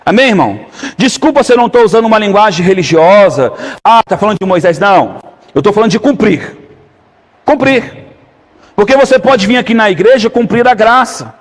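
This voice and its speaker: A man preaching a sermon as pastor, his voice sitting high for a man. He keeps turning to the congregation with quick questions and calls for an amen. The sound rings with a long reverb from the church hall. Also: animated.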